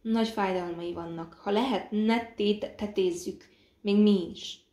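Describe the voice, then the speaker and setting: A woman reading an audiobook, voicing a calm, velvet-voiced male doctor who speaks softly and with pity. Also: mid-range voice, lightly acted. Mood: gentle. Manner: soft, pitying. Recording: roomy echo.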